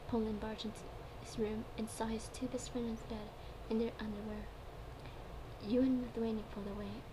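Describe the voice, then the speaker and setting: A woman giving an amateur dramatic reading of a story, now and then stumbling over her words and repeating phrases. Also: fairly high pitch. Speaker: fan fiction reader. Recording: clearly noisy home recording.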